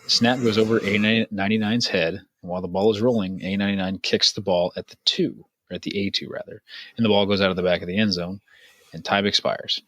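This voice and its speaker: Low-voiced man reading a play scenario. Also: steady tone, fairly bright tone, no echo. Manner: reads out play scenarios plainly, quick jokes. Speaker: podcast co-host, football official. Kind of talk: casual rules discussion.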